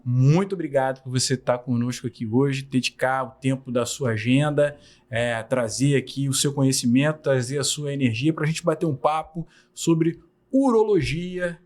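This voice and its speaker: A man's voice: on the high side, a little mellow. A man hosting a podcast, greeting his guest courteously and asking questions. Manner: welcoming, courteous interviewer. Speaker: podcast host. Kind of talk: podcast interview.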